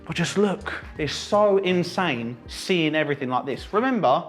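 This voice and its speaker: A man's voice: fairly high pitch, expressive, moderate pace. Enthusiastic British man vlogging, music behind. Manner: enthusiastic, jokey, exclamatory. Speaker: vlog host. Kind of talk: casual building tour vlog. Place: large building under renovation, indoors.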